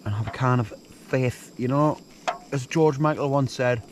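A man's voice: mid-range voice, normal speed. Casual male outdoor vlogger, jokey and rambling, recorded outdoors at night with faint background noise. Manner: chatty, joking, rambling asides. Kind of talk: casual outdoor cooking vlog. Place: wild camp in hills at night, outdoors.

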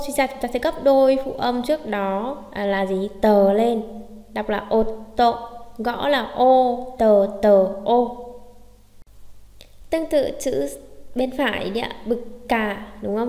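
A woman with a somewhat high voice teaches step by step, often posing a question and then answering it herself. The room rings with a long, hollow reverb. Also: darkish tone. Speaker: Japanese teacher. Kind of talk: explaining lesson.

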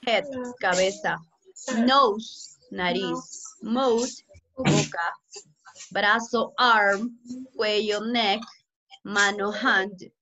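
A woman teacher with a Peruvian Spanish accent leads an online English class over a video call. She talks slowly and repeats each word many times. The sound is a bit dull, with faint noise behind her. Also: medium pitch. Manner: slow and repetitive, code-switching.

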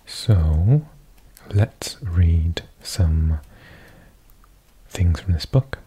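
A man whispering softly and unhurriedly as an ASMR host, reading aloud close to the mic. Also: low voice, lively intonation. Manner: soft, breathy ASMR whisper, slow and unhurried.

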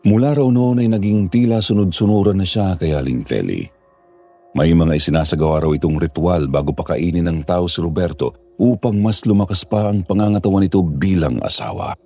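A male narrator with an extremely deep, dark voice tells a horror story in a grave, measured way. His voice is heavily gravelly and husky. Faint music plays under the narration.

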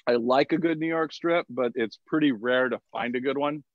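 A man's voice: medium pitch, normal speed, no echo, highs cut off. A man speaking as a guest in a casual chat, easygoing and hedging as he talks. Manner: easygoing, hedging with "you know" and "I mean". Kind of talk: casual conversation.

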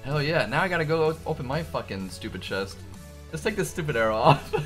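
A man streaming a video game, hyped up, shouting in bursts and swearing as he plays. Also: on the high side, lively intonation, fairly quick, soft background music. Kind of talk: excited gameplay streaming.

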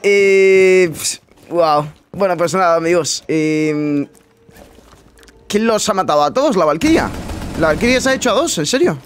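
A man's voice: sits high, animated, a little slow, faint music behind. A man giving casual, incredulous commentary over his own gameplay, muttering asides to himself. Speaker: gaming YouTuber.

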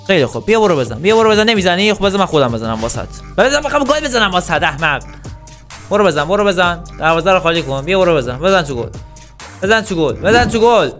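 A man's voice: high voice, faint music behind. A man hosting a gaming channel, commentating his own online football match like a sportscaster and trash-talking his opponent. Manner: excitable, trash-talks the opponent; calls the play like a sportscaster.

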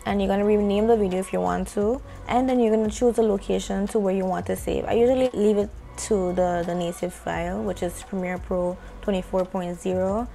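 A young West Indian woman, a content creator, hosts a video editing tutorial in a relaxed, conversational way while articulating carefully, with a West Indian accent. Her medium-pitched voice is gravelly and brisk with few pauses, recorded on a handheld microphone close to her mouth in a small indoor home studio.

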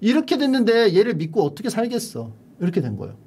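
A man streaming from home, chatting casually as he retells an old war story in an animated way. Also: high-pitched, fast talker, slightly rough.

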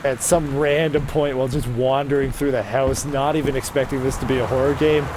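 A man's voice: medium pitch, fairly even intonation, brisk, noisy background. A man streaming a game, giving casual commentary with muttered asides and reading in-game text aloud.

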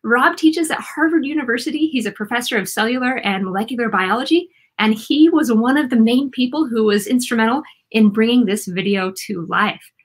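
A woman's voice: a little high, fairly quick. A woman in her thirties hosting a live-stream interview, upbeat and enthusiastic. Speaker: host.

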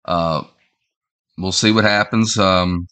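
A man in his forties with a head cold sounds stuffy and nasal as he rambles haltingly through a casual opinion vlog, full of fillers and repeated starts. His lowish voice is clear and resonant with a forceful, bright edge and fairly even intonation. He's an online commentator recording on a webcam in a small room at home.

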